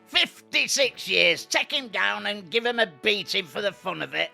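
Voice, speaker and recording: A pompous, bigoted judge, as a man puts him on, blustering out harsh sentences in a bright, forceful voice with a gravelly edge. His pitch jumps around a lot, and faint music plays underneath. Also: expressive, moderate pace, heavily acted.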